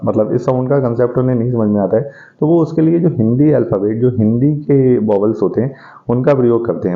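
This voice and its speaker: A man teaching an English grammar lesson, explaining step by step and asking questions that he answers himself. He reads the English example sentences slowly. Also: medium pitch. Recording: dull lo-fi recording.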